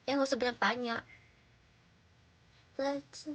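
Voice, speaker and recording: A woman's voice: fairly high pitch, steady tone, slow, a bit bright. A woman livestreamer chatting casually with viewers in a blunt, slangy, bantering manner.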